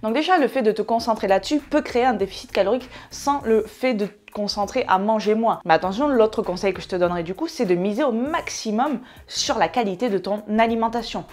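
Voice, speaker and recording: A woman's voice: fairly high pitch, fairly quick, hardly any pauses, darkish tone. A woman hosting a fitness advice video, chatting casually to the viewer with playful, self-mocking asides.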